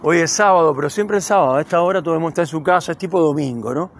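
A man's voice: a little high, racing. A man from Cuba hosting his own podcast, improvising a loose, rambling monologue while walking outdoors on a city street. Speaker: podcast host. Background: passing cars.

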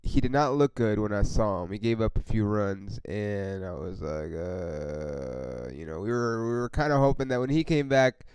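A man's voice: on the low side, expressive, moderate pace, hardly any pauses, a little mellow, smooth, no echo, poor audio. A man hosting a casual solo sports podcast, rambling and swearing with lots of fillers as a frustrated fan. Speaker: podcast host.

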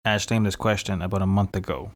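Brief: young Canadian man, lowish voice, emphatic podcast banter, says freaking a lot. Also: steady tone, quick pace, dry recording. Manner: emphatic, repeats himself, mild swearing. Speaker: podcast co-host. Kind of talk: casual chat.

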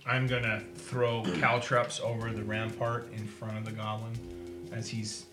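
A man's voice: lowish voice, completely flat delivery, unhurried, reverberant, music in the background. A man playing a tabletop game, stammering and hesitant as he explains his moves. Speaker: player. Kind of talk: casual tabletop play.

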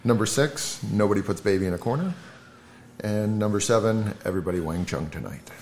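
A man with a low voice speaks in a dry, deadpan way while running a casual podcast chat. A faint room hum is heard behind him. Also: a little fast. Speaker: podcast co-host.

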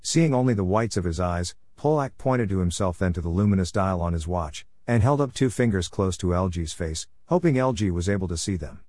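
Deep-voiced man narrating, dry close mic. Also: no room sound. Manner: measured, steady storytelling. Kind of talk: scripted audiobook narration.

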